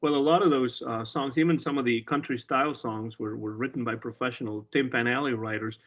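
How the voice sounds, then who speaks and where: A middle-aged podcast host chats enthusiastically about old songs over a video call, full of fillers and restarts. He speaks briskly in a mid-range, fairly bright voice with fairly even intonation.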